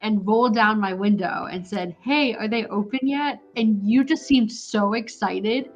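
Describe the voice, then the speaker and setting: A woman co-hosting a casual book review show, chiming in with quick, teasing remarks. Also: mid-range voice, dull audio, slight background noise. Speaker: podcast co-host.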